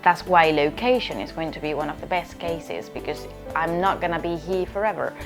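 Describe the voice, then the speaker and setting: A woman's voice: low-pitched, moderate pace, over music. A woman from Spain, a language teacher explaining grammar in an online lesson, often checking in with "okay?". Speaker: Spanish teacher.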